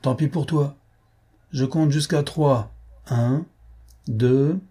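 A man's voice: medium pitch, expressive, unhurried, a little mellow, husky. A man reading an audiobook, voicing a menacing police officer who taunts and threatens. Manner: threatening, mocking. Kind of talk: audiobook character voice.

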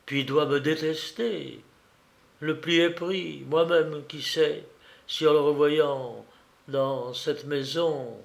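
A man's voice: on the high side, steady tone, slow, vocal fry. A man reading aloud voices a hesitant young woman whose voice is grave and musical. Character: sad young woman, then calmly decided.

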